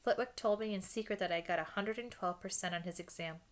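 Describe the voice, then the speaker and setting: A woman voicing a brisk, clever schoolgirl witch. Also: mid-range voice, natural voice. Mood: earnest. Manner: brisk, earnest.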